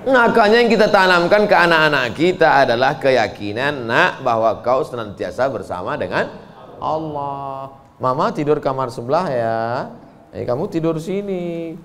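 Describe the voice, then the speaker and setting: A man with a mid-range voice preaches at a moderate pace. His sermon features animated storytelling in which he acts out the voices of the people involved.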